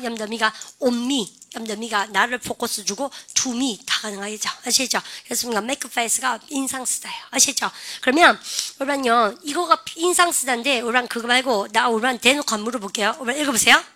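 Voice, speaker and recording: A woman English teacher giving a lively classroom lecture, calling on the class again and again and drilling phrases aloud. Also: on the high side, a little fast, few pauses.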